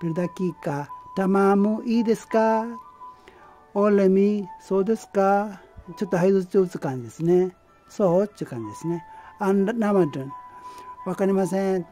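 Man, amateur teacher, mellow tone, halting and patient, faint music behind. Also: sits high. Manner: patient, halting explanation with many fillers. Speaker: language teacher. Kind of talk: amateur language lesson.

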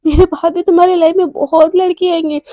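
Woman doing a hard-edged jealous young woman, mellow low tone, dry sound, cold and accusing. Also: little pitch movement, fast, no echo.

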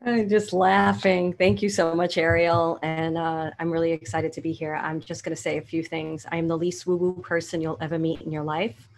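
A middle-aged woman talks in a fairly low voice with a Brooklyn accent. Her delivery is informal, candid and animated, like a guest on an online panel. There is faint noise on the video call audio. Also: a little fast. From Brooklyn, New York. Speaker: guest author and spiritual coach. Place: home room with bookshelves, indoors. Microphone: video call, computer or webcam mic.

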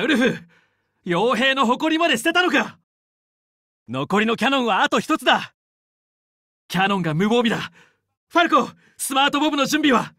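Fox, a high-pitched heroic pilot. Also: male voice, bright, forceful tone, dry recording, clean studio sound, heavily acted. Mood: urgent, commanding. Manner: commanding, earnest. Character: determined heroic fox space pilot, young male squad leader. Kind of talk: Japanese video game voice acting, battle callouts.

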